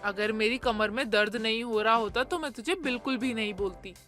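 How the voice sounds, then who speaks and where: Woman doing a cartoon mother-in-law, scolding and fed up, highish voice, music behind. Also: a little fast, fairly bright tone, lightly acted. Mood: complaining. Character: stern mother-in-law, middle-aged woman, easily worn down. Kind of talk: animated storybook voice acting.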